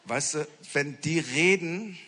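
A man's voice: a little high, slow pace, sharp tone, big-room sound, a little hiss or hum. A male preacher giving a sermon, telling funny stories to his congregation. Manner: humorous anecdotal storytelling to a congregation.

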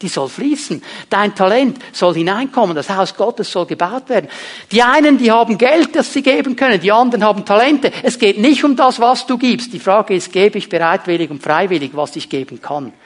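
A pastor preaching with a notably high male voice. He hammers home key phrases by repeating them, rising to loud, lively emphasis and then dropping to hushed, earnest delivery. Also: fairly quick. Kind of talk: sermon.

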